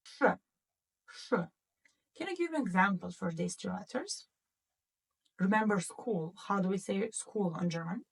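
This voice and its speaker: Slow-speaking woman teaching German sounds. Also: mid-range voice, animated, gravelly, breathy edge. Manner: asks the class questions, repeats words twice. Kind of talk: slow classroom lesson explaining pronunciation. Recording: voice from some distance off the mic.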